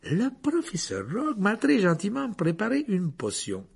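Lupin, a man voicing a calm, gentle teacher. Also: high-pitched, creaky, breathy edge, voice pushed up, exaggerated voice. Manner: soft-spoken, measured, sometimes whispered. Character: calm, gentle adult male teacher, thoughtful.

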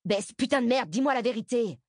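A woman voicing an anxious, blunt teenage schoolgirl in an audiobook, raising her pitch for the girl. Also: expressive, brisk, dry recording, clean studio sound. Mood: insistent. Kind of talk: audiobook character voice.

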